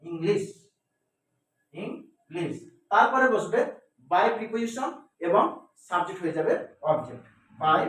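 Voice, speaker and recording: In a step-by-step classroom lesson, a man with a high, slightly bright voice teaches English grammar didactically, posing and answering his own questions and repeating key words. A distant microphone in a very echoey indoor room captures him.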